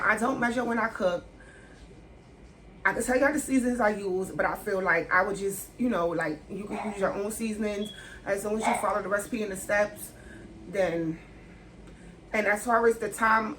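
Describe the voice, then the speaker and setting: This 30s vlogger answers questions at home in a casual sit-down format, candid, slangy, and laughing. Her medium-pitched voice is fairly bright, though the audio is poor, with a faint hiss of room noise underneath.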